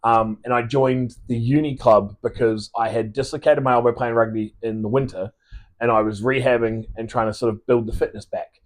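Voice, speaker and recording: A man's voice: medium pitch, steady tone, fairly quick. Guy in his 30s, aussie-kiwi accent all mixed up, rambly, keeps restarting, swears casually. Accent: mixed Australian and New Zealand. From Australia. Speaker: podcast guest. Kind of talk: casual chat.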